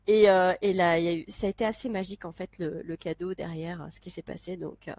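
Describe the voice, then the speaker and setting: Speaking quickly in a lowish, darkish voice with fairly even intonation, a young woman vlogger chats to camera while stuffed up from a cold. She laughs frequently and restarts sentences, and there's no echo on the recording.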